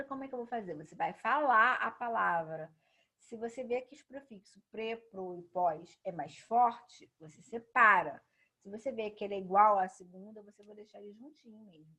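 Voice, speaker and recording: A woman teaches a grammar lesson in an emphatic, explanatory way. She leans hard on key words and answers the questions she poses herself. Her voice sits at a medium pitch. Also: pushed and bright, husky.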